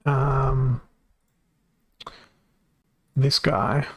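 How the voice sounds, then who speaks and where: A male game streamer with a gravelly, fry-laden voice, worn from hours of talking. He thinks aloud at his desk microphone, wandering off and correcting himself. The sound is dry and close, with no room around it. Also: mid-range voice, flat delivery, extremely slow, no echo. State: voice getting worn from long talking. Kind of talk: casual game stream commentary.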